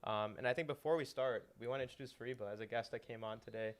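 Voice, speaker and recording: A man's voice: medium pitch, fast talker. A young man hosting a casual podcast, welcoming guests and moving the talk along. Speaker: podcast host.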